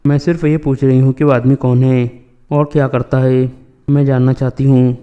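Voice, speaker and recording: Man reading a young woman pushing her brother with questions, flat mellow voice. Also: mid-range voice, clear, resonant tone, dull audio, soft background music, natural voice. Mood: questioning. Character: questioning defiant young woman, chief's sister.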